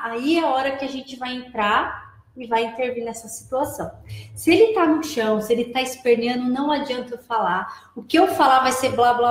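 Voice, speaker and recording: A woman guest speaker in a live advice chat, explaining in a patient way and repeating her key phrases. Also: high-pitched. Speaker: guest, preschool operations director. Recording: echoey room.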